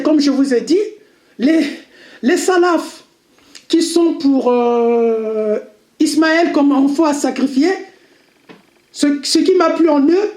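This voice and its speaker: A woman with an Arabic accent giving a deliberate religious lesson, repeating key points and checking in with listeners. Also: sits high, dark tone, echoey room. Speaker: religious video commentator. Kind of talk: slow explanatory religious lesson.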